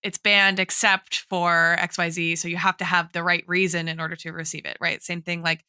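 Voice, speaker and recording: Speaking on the low side with a level, brisk delivery, this woman has a sharp yet clean tone. As a podcast co-host she talks through arguments academically, leaning on "like" and "right" throughout the analytical discussion. The dry recording has clean studio sound.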